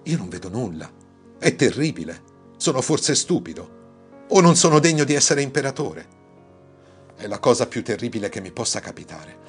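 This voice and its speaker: A man's voice: medium pitch, very animated, moderate pace, breathy edge, pitched above the performer's own voice. A man voicing a vain, anxious emperor with a raised, exclaiming voice. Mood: fretful. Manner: fretful, exclaiming. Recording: faint music behind the voice.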